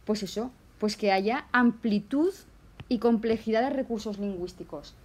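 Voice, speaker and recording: At a moderate pace, a woman with a higher, darkish-toned voice and a Zaragoza Spanish accent teaches language in a casual video. She chats, restarts often, fills pauses, and acts out examples.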